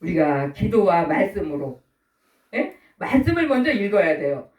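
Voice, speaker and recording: A woman's voice: lowish voice, big pitch swings, moderate pace, a little mellow, distant mic. Middle-aged woman preaching in echoey room. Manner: asks questions and acts out quoted voices. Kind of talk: sermon.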